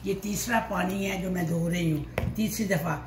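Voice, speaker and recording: A lowish-voiced woman in her sixties, Pakistani-accented, speaks at normal speed while explaining cooking steps at the stove indoors in her home kitchen. As a home cook and cooking show host, she ad-libs and repeats herself often. The background is noisy and echoey, with loud sizzling, stirring, and clattering pots and dishes.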